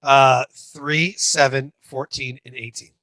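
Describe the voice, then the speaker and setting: Man, forties, podcast guest, bright forceful voice, dry close sound. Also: mid-range voice, slow, gravelly, no room sound. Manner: energetic, rambling with fillers. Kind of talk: casual interview chat.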